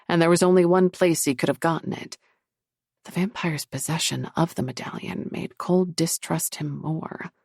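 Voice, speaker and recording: A woman narrating a paranormal romance audiobook in a measured, steady reading. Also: deep voice, gravelly, slightly rough, dry recording, studio quality. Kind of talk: scripted narration.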